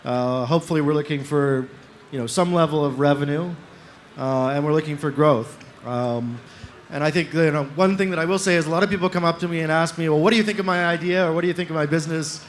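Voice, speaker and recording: A man speaking as an early-stage investor on a panel, measured, with frequent fillers. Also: fairly high pitch, steady tone, a little hiss or hum. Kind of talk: panel discussion. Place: stage in a large tent with an audience. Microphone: handheld mic.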